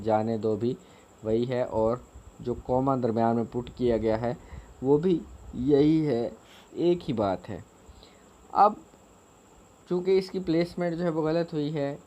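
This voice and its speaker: Slow-explaining male teacher, mellow voice. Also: mid-range voice, a little hiss or hum. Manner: explains slowly with many fillers and repeated phrases. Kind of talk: recorded grammar lesson.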